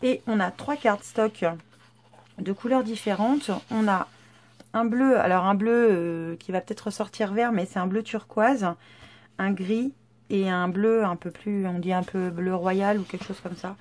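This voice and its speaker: A woman's voice: mid-range voice, steady tone, unhurried, darkish tone. A woman vlogger casually presenting scrapbooking papers, chatty and hesitant with many fillers. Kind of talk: casual haul show-and-tell.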